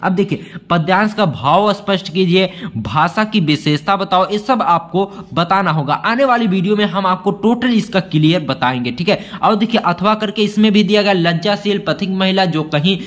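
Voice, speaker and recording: A male teacher walking students through exam questions, calling them friends and saying "theek hai" often, reading verse lines slowly. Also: high-pitched, animated, a bit bright. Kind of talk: exam-prep lesson walkthrough.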